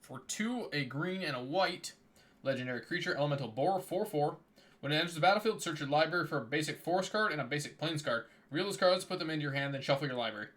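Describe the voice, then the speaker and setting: A man on a live stream chats casually and reads card text aloud in a plain running commentary, though his voice is starting to give out. He speaks fast, a little high, with a slightly bright tone.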